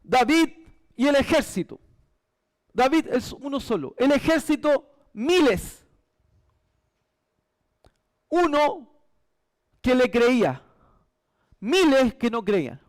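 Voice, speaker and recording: Male pastor, very high voice, emphatic church sermon, repeats key phrases. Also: big pitch swings, takes it slowly, long pauses. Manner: emphatic, repetitive preaching.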